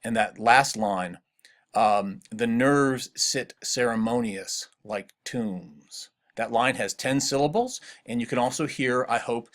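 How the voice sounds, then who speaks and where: A middle-aged man talks through a poem for his class in a recorded lecture. His voice sits at a middle pitch, and he keeps putting open questions to his students. When he quotes the poem, he slows to a careful, deliberate reading. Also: fairly bright tone. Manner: thoughtful, asks questions, slows to read poem lines aloud. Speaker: literature teacher.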